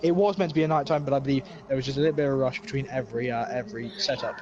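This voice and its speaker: In a very fast, mid-range voice with a darkish tone, a young man gives casual commentary on an online racing league. Slightly sick and short of breath, he jokes, rambles, and fills gaps constantly, all through dull lo-fi stream audio.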